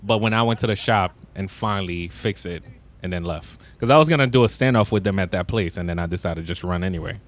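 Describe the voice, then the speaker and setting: A man's voice: deep voice, quick pace. A man streaming a roleplay game, chatting casually with friends over voice chat and laughing often. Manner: excitable, laughs often, recounts the chase.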